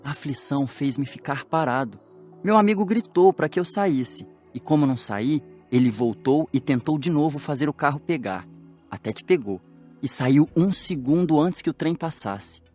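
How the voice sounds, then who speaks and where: A man voicing a cheerful dead man who tells the story of his own death with lively, joking asides in an audiobook drama. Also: a little high, moderate pace, soft background music.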